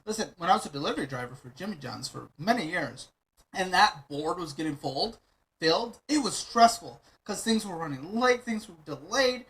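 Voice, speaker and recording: Bright, lively man giving blunt reaction commentary. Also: high voice, normal speed, rough recording. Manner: blunt, sarcastic, swears freely. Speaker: streamer reacting to a video.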